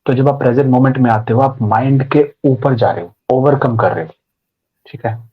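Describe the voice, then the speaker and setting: A man with a husky, breathy voice talks through meditation as a podcast guest. He explains conversationally, slipping into little acted-out inner voices and everyday examples. The recording sounds dull and muffled. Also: medium pitch, normal speed.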